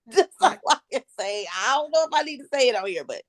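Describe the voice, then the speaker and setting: A woman's voice: high voice, animated, fairly quick. A woman in her thirties, a guest on a video-call interview, chatting casually, laughing often and calling the listener honey.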